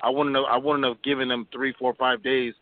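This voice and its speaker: Male caller, blunt and pushy, mid pitch, dry tinny phone sound. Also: flat delivery, a little fast, no echo. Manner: blunt and forceful, arguing for a hard line. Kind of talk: heated call-in debate.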